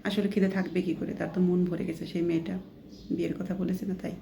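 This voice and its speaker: A woman's voice: lowish voice, little pitch movement, fast, creaky, warm tone. A woman vlogger telling a first-person story in a casual, chatty way, quoting others as she goes and often adding a checking question. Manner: plainly quotes others within the story.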